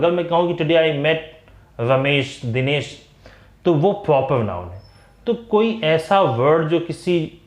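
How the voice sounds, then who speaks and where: A man with an Indian accent teaching English grammar, explaining slowly and drawing words out. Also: a little high. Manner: slow, deliberate explanation with words drawn out. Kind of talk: classroom-style explanation. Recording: echoey room.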